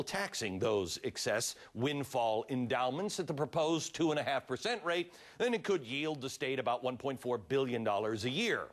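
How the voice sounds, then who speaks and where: A man hosting a television commentary show, sarcastic, emphatic and animated. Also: a little high.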